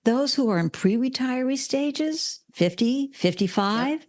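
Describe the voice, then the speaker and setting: A woman's voice: high-pitched, expressive, a little slow, a little mellow. A woman in her sixties, a podcast guest telling stories animatedly and acting out quoted voices. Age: 60s. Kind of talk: conversational interview.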